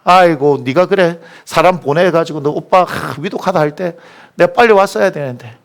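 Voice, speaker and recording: A man voicing Jesus as a gentle, comforting man with a Gyeongsang accent, sighing and folksy. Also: fairly high pitch, normal speed, gravelly. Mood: consoling.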